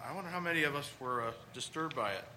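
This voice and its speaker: A man's voice: medium pitch, lively intonation, racing, bright, forceful tone, a little hiss or hum. A man preaching a conversational homily, with rhetorical questions and emphatic points.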